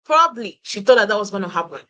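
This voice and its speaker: A woman's voice: mid-range voice, animated, quick pace, bright, forceful tone, poor audio. A woman on a reality TV review panel, talking earnestly and reasoning through her points with repeated words. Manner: earnest, reasoning aloud with repetitions. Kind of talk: casual reality TV review chat.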